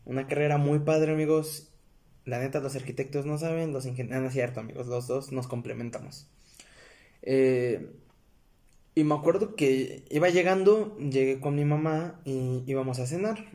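Chatty young Mexican guy, a bit high. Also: normal speed, dark tone. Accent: Mexican Spanish. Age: young adult. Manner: rambling, full of fillers and self-corrections, addresses viewers as friends. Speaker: vlogger. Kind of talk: casual storytelling to camera.

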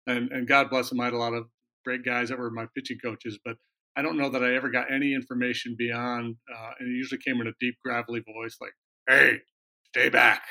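A man who co-hosts a talk show, a former pitcher putting his questions loosely. His voice is gravelly with a bright, forceful edge. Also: flat delivery, fast talker. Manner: conversational, asks questions. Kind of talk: casual interview chat.

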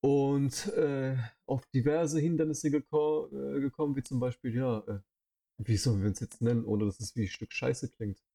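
A young man in his twenties rambles casually as a podcast co-host, dropping plenty of fillers. His voice is mellow and warm, captured through a headset microphone. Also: mid-range voice, steady tone, moderate pace, gravelly. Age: 20s.

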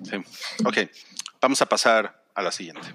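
Bright-voiced Mexican man hosting. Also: lowish voice, expressive, measured pace, slightly rough. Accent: Mexican Spanish. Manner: joking, moves the game along. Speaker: host. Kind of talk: casual chat.

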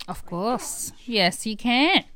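A woman gives plain, easygoing answers in a casual interview. Her pitch moves a lot. The sound is dry and close. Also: lively intonation, slow, sharp tone, no echo. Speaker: team leader guest.

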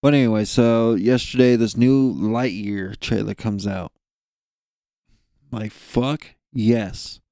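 A man's voice: on the low side, fairly even intonation, slow, dark tone, no echo, studio quality. A young man co-hosting a podcast, ranting in a profane, rambling, jokey way. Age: young adult. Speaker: podcast co-host. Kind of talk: casual rant.

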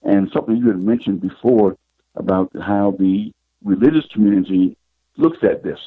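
A middle-aged man, a psychic guest, telling his life story in an interview in an unhurried, reflective way. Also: lowish voice, husky, dry recording. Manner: unhurried, reflective, retells scenes with quoted dialogue. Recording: tinny phone line.

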